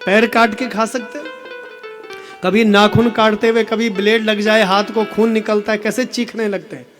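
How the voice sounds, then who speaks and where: A man preaching a devotional sermon with fervour, rising to loud exhortation and acting out quoted figures from scripture. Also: sits high, flat delivery, moderate pace, soft background music. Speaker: religious preacher.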